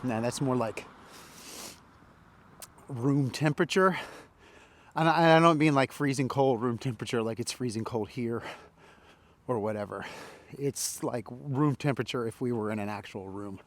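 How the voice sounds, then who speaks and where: A man's voice: medium pitch, moderate pace, long pauses. A man from Indianapolis, rambling casually in a walk-and-talk vlog while strolling outdoors in a large park. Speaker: vlogger.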